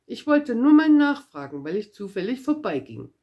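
A woman's voice: on the high side, very animated, moderate pace, lo-fi sound. A woman voicing a cheeky, boastful little red-haired girl in a read-aloud storybook, chatty and eager. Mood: wistful.

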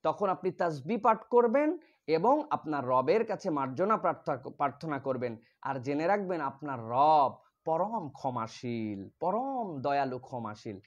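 A man teaching Quran pronunciation and tafsir, drawing out Arabic words loudly, then explaining more quietly. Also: a little high, big pitch swings, a little slow, highs cut off.

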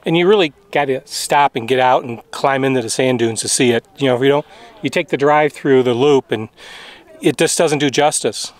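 A man's voice: mid-range voice, moderate pace. A middle-aged man chatting casually as a travel vlogger, speaking plainly and easily outdoors into a handheld camera. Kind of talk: casual chat. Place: outdoors on a sunny open sand flat. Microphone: selfie camera at arm's length.

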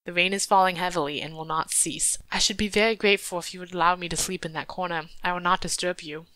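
A woman's voice: on the low side, steady tone, quick pace, sharp tone, no echo, low-quality recording. A woman reading a storybook, voicing a careless man who begs for shelter. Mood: pleading. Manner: pleading, later mocking. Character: careless outdoor man who becomes a kangaroo.

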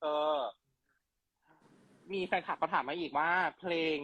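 A man's voice: a little high, steady tone, measured pace, a bit bright, husky, lo-fi sound. A man hosting an interview, chatting and teasing as he reads out fan questions. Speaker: interviewer host. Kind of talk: casual interview.

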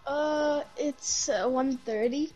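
A woman on a game voice chat, answering slowly and hesitantly in short replies. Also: high-pitched, darkish tone. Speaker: other player in voice chat. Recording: muffled lo-fi voice chat with faint noise.

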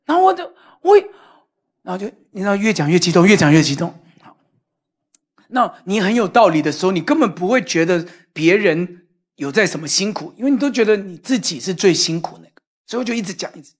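A middle-aged male pastor, preaching to a congregation in a lively storytelling sermon that swings between loud and soft. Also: high-pitched, a little fast, slightly rough. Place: church hall, in front of a congregation.

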